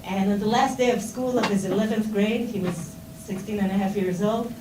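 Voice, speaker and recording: A mid-range female voice with fairly even intonation and normal speed: a middle-aged Israeli woman giving an informal seminar talk to students. Her English, Hebrew-accented, is heavy with fillers and restarts, and the audio sounds distant, roomy and noisy.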